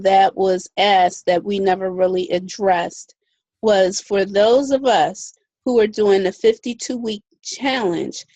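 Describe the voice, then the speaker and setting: Slow, relaxed woman asking a question. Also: medium pitch, no room sound. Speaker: class participant.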